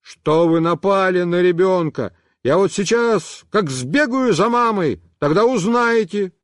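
A man's voice: high voice, very animated, a little slow, no echo, studio quality, voice pushed up. A man doing a bold cheerful little boy. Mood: eager.

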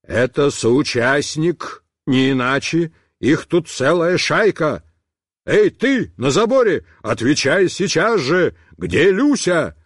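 A man voicing a burly potbellied grown man who shouts angry accusations, in a storybook reading. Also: high voice, huge pitch swings, slow pace, dry recording, clean studio sound, full character voice. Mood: angry shouting.

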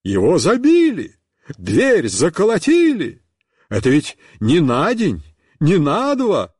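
A fussy middle-aged neighbor woman, put on by a male reader, squeals in a high, shrill voice. She huffs with constant indignation, her pitch leaping all over the place in a close, dry storybook reading. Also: wildly swooping pitch, takes it slowly, darkish tone, husky, no echo, heavily acted. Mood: indignant. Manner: indignant, huffing, boiling over.

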